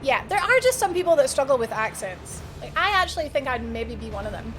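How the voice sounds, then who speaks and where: Over background music and noise, this Edinburgh woman's high-pitched voice moves fairly quickly with a sing-song lilt. She's a video game streamer giving casual live gameplay commentary, thinking out loud and talking to viewers.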